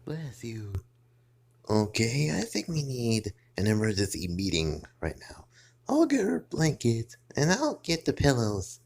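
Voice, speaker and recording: A man creating and voicing a fan cartoon skit, talking slowly. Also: medium pitch, wildly swooping pitch, vocal fry, a little mellow. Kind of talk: fan animation voice acting.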